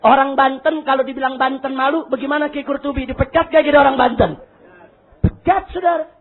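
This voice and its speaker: A man preaching a fiery sermon, shouting rhetorical questions at the congregation. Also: extremely high pitch, steady tone, a little fast. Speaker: Islamic preacher. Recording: tinny lo-fi recording.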